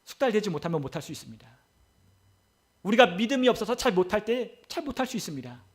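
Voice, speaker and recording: Man, pastor, sermon, high voice, repeats phrases for emphasis, asks the congregation questions. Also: sing-song, quick pace. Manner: preaching with rhetorical questions and repetition. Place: church sanctuary.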